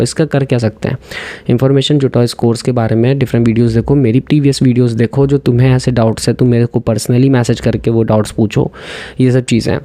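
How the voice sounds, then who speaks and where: A young man from India talks straight to the camera in a casual advice vlog, earnest and direct, dropping English phrases into his talk. His voice is mellow and relaxed, with a middle pitch. The sound is close and dry, with no room echo. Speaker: dental student giving advice.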